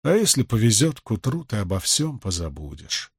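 Guy reading an older gleeman, low husky voice, gruff but gentle. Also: big pitch swings, moderate pace, no echo, studio quality, full character voice. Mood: tender.

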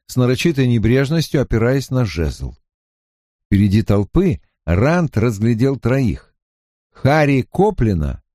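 A man narrating a fantasy novel as an audiobook in an expressive storytelling manner. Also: medium pitch, no echo, clean studio sound.

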